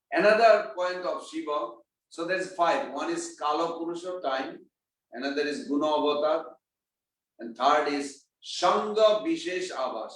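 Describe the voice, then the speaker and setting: Speaking fairly high with a slightly bright tone, a spiritual class speaker leads a scripture lesson. He keeps things conversational, quizzes the audience and chants verses. The recording is echoey, made with the mic far off.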